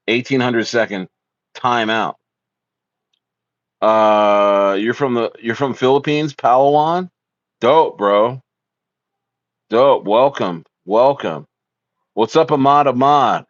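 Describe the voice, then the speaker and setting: The host of a casual livestream, a medium-pitched man from South Jersey, USA, works through viewer comments and gets hyped. Lots of "bro" and repetitive slang fill his talk, captured in dull, lo-fi, dry audio.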